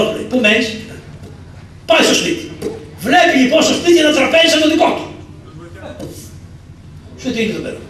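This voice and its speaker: A man giving a storytelling sermon, animated and acting out the dialogue of his story. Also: high-pitched, a little hiss or hum. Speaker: speaker at a church gathering. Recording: echoey hall from far off.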